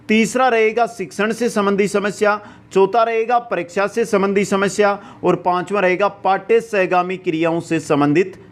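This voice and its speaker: A male teacher with a Rajasthani Hindi accent, giving an exam-prep lecture point by point and asking the class rhetorical questions. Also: high voice.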